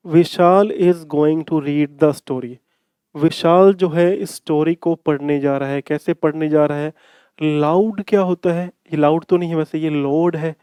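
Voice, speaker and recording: A man's voice: a little high, warm tone, smooth, no echo. A man teaching an exam-prep English grammar lesson, repeating key phrases and answering his own questions. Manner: calls students "bhai".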